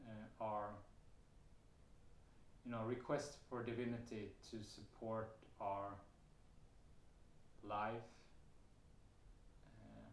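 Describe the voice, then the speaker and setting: Very slowly and with little pitch movement, a Swedish-accented man recounts something from his own life to the camera, his low voice carrying vocal fry. He pauses often, fills gaps, restarts and laughs softly now and then, in a room with noticeable echo and slight background noise.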